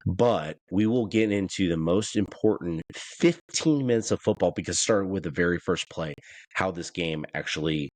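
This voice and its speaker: A man co-hosting a sports podcast, talking in a rambling, animated way and laughing often. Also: low voice, normal speed, no room sound. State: a bit out of breath. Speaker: podcast co-host. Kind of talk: casual sports chat.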